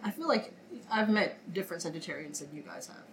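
Low, nasal-sounding woman chatting. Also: expressive, quick pace, a little hiss or hum, low-quality recording. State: nasal from a cold. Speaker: podcast co-host. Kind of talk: casual chat.

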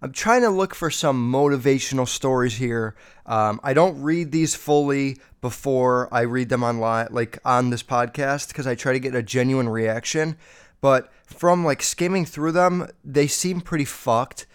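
The voice is a man's, medium-pitched, unhurried, clear and resonant. He's a young solo podcast host on a podcast mic who rambles, swears heavily and uses many fillers, slightly nasal and a bit under the weather because he's sick.

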